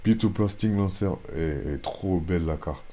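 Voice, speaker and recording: A man with a French accent opening trading card packs on his channel, listing card names one after another and breaking into excited bursts over rare pulls. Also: low voice, moderate pace. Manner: reads card names in a steady list, bursts into excited exclamations. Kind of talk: casual pack-opening commentary.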